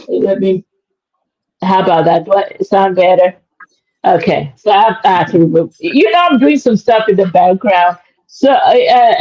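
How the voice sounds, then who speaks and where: A woman hosting a podcast in a casual, halting way with many fillers. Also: mid-range voice, highs cut off. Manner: halting, full of fillers, laughs easily. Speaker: podcast host.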